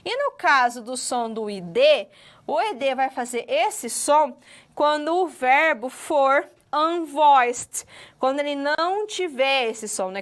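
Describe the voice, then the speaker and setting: High-pitched woman teacher, slow patient lecture delivery with frequent checks. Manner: patient, drawn-out explaining, often checks understanding with "ok?". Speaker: English teacher. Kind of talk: recorded online lecture.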